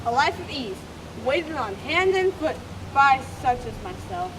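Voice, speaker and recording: A woman playing a flattering, deferential manservant to a rich gentleman in a stage comedy. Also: sits high, unhurried. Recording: noisy stage recording, distant microphone.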